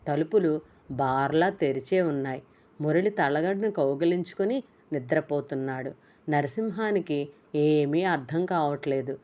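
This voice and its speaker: A woman narrating a novel chapter in a steady, even storytelling voice. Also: deep voice, measured pace. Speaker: audiobook narrator. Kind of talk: reading a novel aloud.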